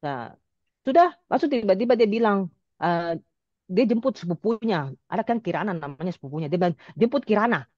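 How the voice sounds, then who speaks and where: A woman, a mother of a teenage son, recounts a recent incident in halting speech with frequent restarts. The sound is slightly muffled and dry. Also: mid-range voice, lively intonation, darkish tone, no room sound. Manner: halting, repeats herself.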